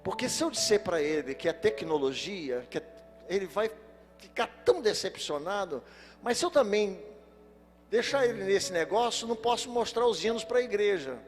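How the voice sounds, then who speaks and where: A male pastor giving a sermon, telling funny personal stories and speaking straight to the congregation in a lively way. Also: high-pitched, normal speed. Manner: lively storytelling, addresses the congregation directly. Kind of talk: sermon with humorous personal anecdotes. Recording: long church-hall reverb with faint music.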